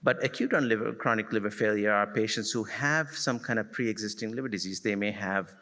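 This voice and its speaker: A man with a lowish, bright, forceful voice gives a medical lecture to a conference audience. He speaks in a measured, explanatory way with frequent "uh" fillers. The hall adds a long reverb to his voice. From Sri Lanka.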